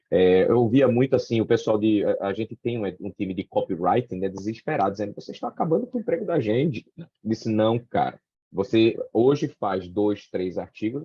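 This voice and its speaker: A middle-aged man with a Brazilian Portuguese accent talks casually on a panel, with a mellow, slightly husky timbre. He keeps checking in with his listeners through tag questions and loose fillers. The recording is dry and dull. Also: low voice, no room sound.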